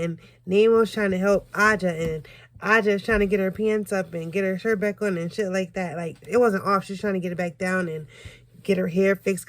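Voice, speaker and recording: A young woman telling a casual personal story in a conversational, profane, slangy way, acting out what people said as she goes. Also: fairly low pitch. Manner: acts out quoted dialogue. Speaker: storytelling vlogger.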